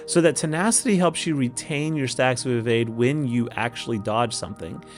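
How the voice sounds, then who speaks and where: A man's voice: medium pitch, moderate pace. Man, Oklahoma Okie accent, casual gaming host, folksy self-talk, music behind the voice. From Oklahoma, United States. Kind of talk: casual game strategy commentary.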